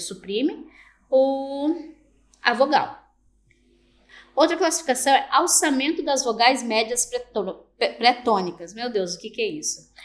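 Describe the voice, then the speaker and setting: A woman lecturing online, explaining step by step, checking in with "tá?" and sounding out example words slowly. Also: a little high. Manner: explanatory, with frequent restarts and checking "tá?". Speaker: university lecturer.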